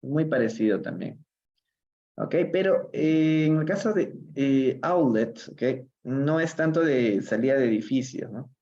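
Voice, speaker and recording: A man teaching English in a live-streamed reading lesson, reading lines slowly and explaining them in Spanish. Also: mid-range voice, expressive, warm tone. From Peru. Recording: dull lo-fi sound.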